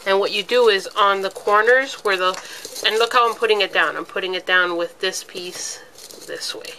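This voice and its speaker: Congested from a cold, a female craft video host talks casually at normal speed through a step-by-step tutorial, filling it with ums while working with her hands. Her voice is medium-pitched, pushed and bright, on a low-quality recording with slight background noise.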